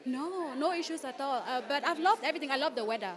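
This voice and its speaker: Upbeat woman from Cameroon, high voice, casual interview answers, crowd behind. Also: animated, quick pace. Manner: upbeat and casual, says "like" often. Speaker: beauty pageant contestant.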